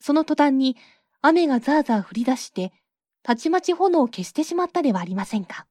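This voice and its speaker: A woman narrating a fairy tale in a calm, measured storybook reading. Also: high-pitched, no echo.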